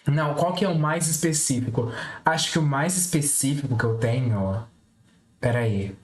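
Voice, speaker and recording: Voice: medium pitch, normal speed. Giggly chatty streamer in echoey room. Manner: chatty and giggly, lots of little repeats. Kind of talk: casual live-stream chat.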